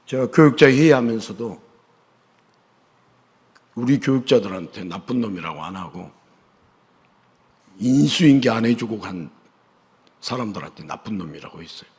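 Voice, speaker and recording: A male pastor preaching a sermon in a church, firing questions at his congregation and pressing them to answer, swinging between loud emphasis and hushed asides. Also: lowish voice, lively intonation, normal speed, pauses often. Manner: call-and-response questioning of the congregation. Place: church sanctuary. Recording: long church reverb.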